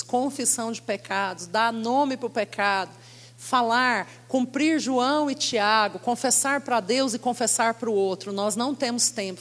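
A woman preacher giving a sermon, telling a personal testimony with animated storytelling and acted-out dialogue. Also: on the high side. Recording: long hall reverb.

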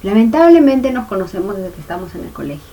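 A young woman co-hosting a chatty podcast, telling stories with teasing, animated delivery. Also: mid-range voice, fast. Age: young adult. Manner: teasing, animated storyteller, acts out quotes. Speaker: podcast co-host. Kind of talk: casual chat between friends.

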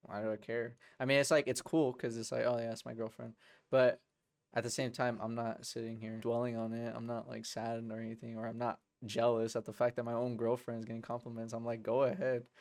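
Young man co-host, gravelly and monotone, laid-back, stumbles into sentences. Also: medium pitch, a little fast. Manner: laid-back, repeats words when starting. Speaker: podcast co-host. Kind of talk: casual chat.

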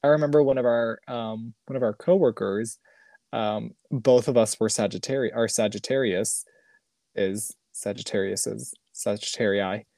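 A man's voice: on the low side, moderate pace, darkish tone, no room sound. A man co-hosting a podcast in casual chat. He rambles, giggles and trails off mid-thought. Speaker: podcast co-host.

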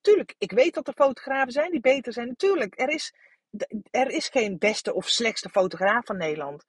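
A woman's voice: a little high, animated, normal speed, slightly rough, dry recording. A woman in her thirties hosting a solo podcast, talking frankly and coaching her listeners, swearing casually, with many fillers and restarts. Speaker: podcast host. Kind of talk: candid solo podcast monologue.

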